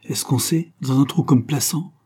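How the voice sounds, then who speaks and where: A man reading aloud who voices a bitter, ambitious young provincial man with a sharp, sneering edge, raised higher and louder than his narration. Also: animated, normal speed, breathy edge. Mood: petulant, scornful.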